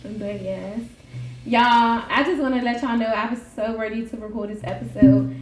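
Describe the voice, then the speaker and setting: A woman's voice: a little high, fairly even intonation, normal speed, darkish tone, faint music behind. A woman co-hosting a casual podcast, joking, laughing and swearing freely. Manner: laughing, playful, profane banter. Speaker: podcast co-host. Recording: echoey room, faint noise.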